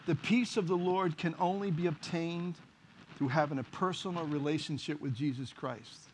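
A man's voice: fairly high pitch, normal speed, a little hiss or hum. A middle-aged male pastor preaching a sermon, telling stories animatedly and acting out the dialogue. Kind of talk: sermon with storytelling.

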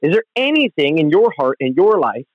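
A male pastor with a high voice speaks from home in an earnest, conversational teaching style. He is heard over the phone, so the sound is dull and lo-fi. The room is dry, with little echo. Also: sing-song, a little fast. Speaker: pastor and podcast host. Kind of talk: devotional podcast teaching.

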